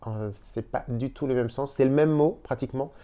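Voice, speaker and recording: A man gives a casual Spanish lesson on video from his hotel room, with slow explanations full of repeated words. He speaks in a mid-range voice with a dark tone.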